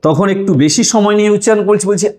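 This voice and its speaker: Lively, high-voiced man teaching grammar. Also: moderate pace. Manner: explains step by step, draws out sounds, asks listeners questions. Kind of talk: online grammar lesson.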